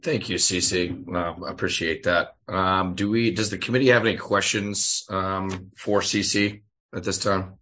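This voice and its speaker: Committee chair: man, deep and forceful, formal procedure, remote meeting. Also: fairly even intonation, moderate pace.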